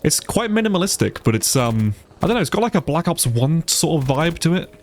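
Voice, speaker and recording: There's a little hiss or hum under the voice of a sick gaming YouTuber whose nose is stuffed up, giving him a congested sound. Fairly quick and on the high side, he plays and offers lively, casual let's play commentary, swearing and sounding easily amazed.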